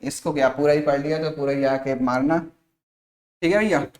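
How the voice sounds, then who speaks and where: Male teacher, explains step by step, fairly high voice. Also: steady tone, a little fast, darkish tone, reverberant. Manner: explains step by step, repeats "ठीक है", asks then answers his own questions; jokes with students, calls them "भाई साहब". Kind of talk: exam-prep science lecture.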